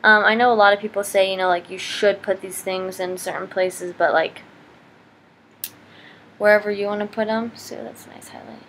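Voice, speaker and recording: A woman's voice: medium pitch, steady tone, moderate pace, a bit bright. A young woman giving a casual makeup tutorial in an informal, rambling, self-deprecating way, chatting as she works. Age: young adult. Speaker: beauty vlogger. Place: indoors, living room at home. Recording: noisy home camera recording.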